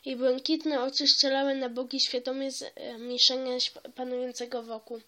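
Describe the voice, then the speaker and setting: Bright high-voiced woman reading a story. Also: little pitch movement, moderate pace. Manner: reads steadily with occasional stumbles and restarts. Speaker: narrator.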